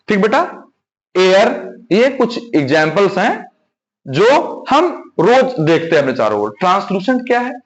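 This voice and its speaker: A man teaching a science class in a classroom, asking students questions and repeating the key words back to them. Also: high voice. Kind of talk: classroom lesson. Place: classroom with whiteboard. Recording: dull lo-fi sound.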